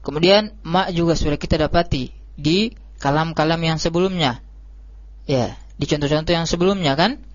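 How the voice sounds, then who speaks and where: A man teaching an Arabic lesson, repeating words slowly and drawing them out for his students. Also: on the high side, no room sound. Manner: slow, drawn-out repetition of words. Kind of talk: classroom lesson. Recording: dull lo-fi live stream audio.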